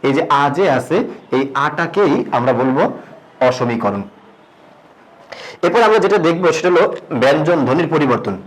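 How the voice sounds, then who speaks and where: A man teaching a recorded grammar lesson, asking questions and answering them himself, dropping low and slow on key terms. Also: animated, low-quality recording. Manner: drops pitch and slows on key terms.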